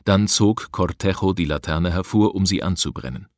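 A man with a very low, deep voice reads an adventure story at an even, measured pace. He is close to the mic, and the recording is dry with no room echo. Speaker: audiobook narrator. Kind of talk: scripted narration.

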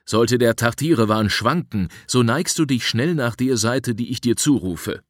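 A man doing a firm, steady adventurer. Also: mid-range voice, measured pace, dry recording, studio quality, pitched above the performer's own voice, close to an everyday voice. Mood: reassuring. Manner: calm and firm, raised to a call. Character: steady adult male adventurer reassuring and commanding.

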